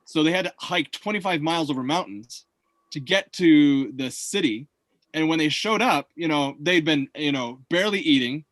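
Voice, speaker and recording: A man's voice: fairly high pitch, moderate pace, fairly bright tone, no room sound. A man hosting a casual chat, rambling with many fillers and restarts. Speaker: host.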